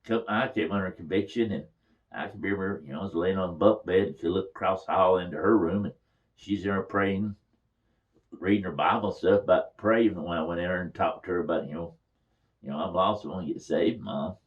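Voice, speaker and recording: An older man tells family memories in a casual, folksy way. His voice sits a little low, and he chuckles now and then as he talks. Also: brisk, muffled recording. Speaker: storyteller. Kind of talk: casual reminiscing.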